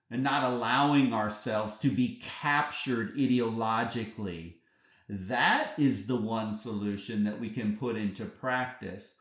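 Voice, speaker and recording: Slow, low-voiced man musing aloud. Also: reverberant. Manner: earnest, rhetorical questions, emphatic. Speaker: podcast host. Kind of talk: reflective monologue.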